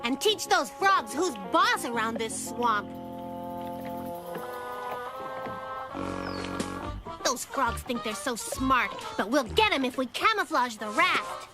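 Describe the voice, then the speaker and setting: A woman voicing a spunky, quick-witted, bossy little girl in a children's cartoon. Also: high voice, sing-song, music in the background. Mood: determined, annoyed.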